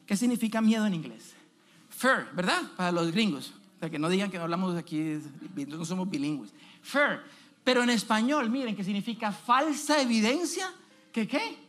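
A man's voice: high voice, expressive, fairly quick. A man preaching a sermon as an evangelist in a church, speaking emphatically and asking the congregation direct questions.

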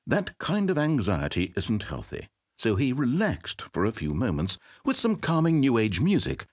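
A man's voice: medium pitch, huge pitch swings, moderate pace, noisy background. A man voicing a sardonic, condescending narrator in a video game, with dry, mocking delivery.

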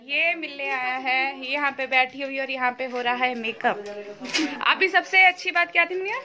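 A woman's voice: sits high, normal speed, crowd noise. A young woman vlogger chatting casually and teasingly with her family at home, laughing often. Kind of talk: casual family vlog chat. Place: crowded family home, indoors.

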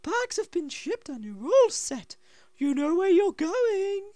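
A shrill, fussing middle-aged mum in a forced falsetto, as a man puts her on for a game playthrough. The voice leaps up high and swoops around, with a broad lilt. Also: very animated, takes it slowly, mellow, dry recording, heavily acted. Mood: fussy. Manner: high falsetto, laughing and breaking character. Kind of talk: voicing a game character while playing.

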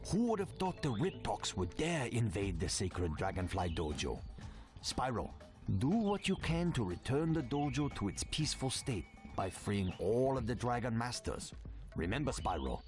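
A man's voice: medium pitch, big pitch swings, normal speed, a little mellow, lightly acted. An actor playing a wise old male dragon master in a video game, speaking solemnly with a mock Chinese accent. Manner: solemn, mentor-like. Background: faint game music.

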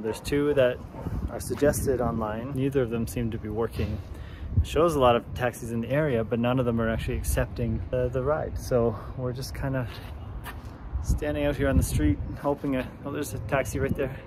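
A man's voice: mid-range voice, noisy background. Easygoing man narrating travel. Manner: easygoing, relaxed explaining. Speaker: travel vlogger. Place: outdoors on a street.

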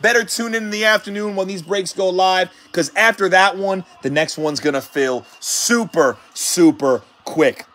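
A man hosting a card-break stream, calmly calling out cards and then shouting in hyped excitement at the big hits. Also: high voice, normal speed, few pauses. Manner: hyped, shouting exclamations between calm card callouts.

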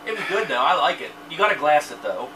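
Guy cracking crude jokes at a home bar reviewing beer, bright sharp voice, kinda far from the mic with faint hiss. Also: fairly high pitch, big pitch swings, fast talker. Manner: joking, crude banter. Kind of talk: casual chat. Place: dim basement bar, indoors. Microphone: far camera. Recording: distant camera sound with faint noise.

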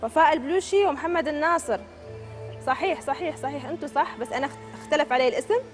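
A woman hosting a televised quiz show from a studio, reading out questions and answer options crisply and upbeat. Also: high-pitched, very fast. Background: show music.

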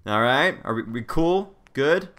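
A man's voice: mid-range voice, lively intonation, measured pace, a bit bright. A man hosting a casual game tutorial voice-over in a joking, conversational manner. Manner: self-deprecating, joking, conversational. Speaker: video host.

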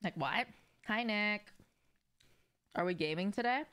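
Her mid-range voice is clean and a bit bright, with lively intonation and a slightly slow delivery. A young woman game streamer, she chats casually and informally with viewers while playing, slipping into slang and swearing, from a small home room with shelves.

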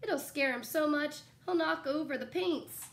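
A young adult woman reading a children's picture book aloud like a teacher, in an animated, expressive way with asides to young listeners. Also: high-pitched. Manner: animated, pausing to ask young listeners questions. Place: small living room at home, indoors. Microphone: phone camera a short distance away.

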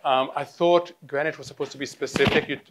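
A man's voice: fairly high pitch, steady tone, brisk, fairly bright tone. A man moderating a live conference panel, teasing the guests and pressing them for direct answers. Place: conference stage before a live audience.

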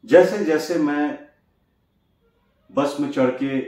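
A man's voice: a little high, takes it slowly, a little mellow, husky, poor audio. A man from Jharkhand in India, narrating his bus trip in a casual, reflective travel vlog and slipping English phrases into his talk. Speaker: travel vlogger. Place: bus and roadside stops outdoors. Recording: street and vehicle noise behind.

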